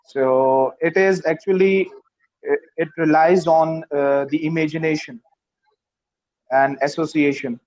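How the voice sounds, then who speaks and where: Male English learner from Pakistan, slightly high voice, halting and filler-heavy, dull video-call sound. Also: steady tone, a little mellow. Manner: hesitant, many fillers and restarts. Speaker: student. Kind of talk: online English practice conversation.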